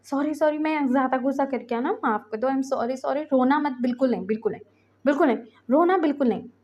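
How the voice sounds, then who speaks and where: A woman's voice: high-pitched, fast talker, highs cut off, close to an everyday voice. A woman voicing a hot-tempered young man who scolds his older brother and then fusses over him, in a fan fiction reading. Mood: soothing. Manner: loud, scolding, then fussing.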